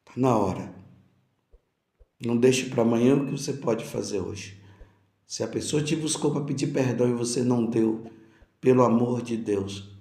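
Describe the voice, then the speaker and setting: Slow, gravelly priest preaching. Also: male voice, mid-range voice, dark tone, roomy sound. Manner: preaching with rhetorical questions, addressing listeners directly. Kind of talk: homily.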